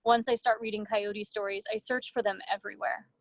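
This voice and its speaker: A woman reads her own first-person story at a literary event, at an even middle pitch. Her delivery is measured and she drops in brief casual asides. The sound is dry and close. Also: no echo. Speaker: author reading her own fiction. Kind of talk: literary reading.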